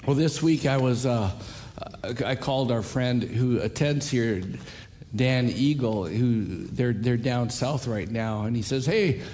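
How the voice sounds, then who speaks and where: Pastor with a strained, fading voice. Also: male voice, medium pitch, unhurried, dark tone, a little hiss or hum. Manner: chatty, storytelling, self-deprecating. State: losing his voice. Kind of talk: sermon. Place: church sanctuary.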